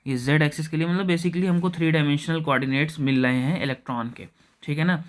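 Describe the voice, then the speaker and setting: A man with an Indian accent teaching a chemistry class. He explains step by step, keeps checking in with his students, and slows down to dictate equations. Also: on the high side. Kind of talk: classroom lecture.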